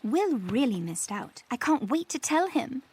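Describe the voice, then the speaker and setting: An actress playing a chatty, effusive, gossipy young lady in animated period drama. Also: high voice, measured pace, husky, full character voice. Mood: delighted.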